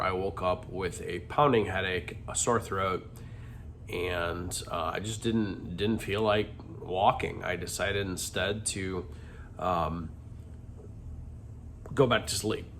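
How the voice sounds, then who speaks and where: A middle-aged vlogger with a stuffy, congested nose rambles through a candid confession, full of ums and restarts. His voice is on the low side with a fairly bright tone, and there's a little hiss or hum.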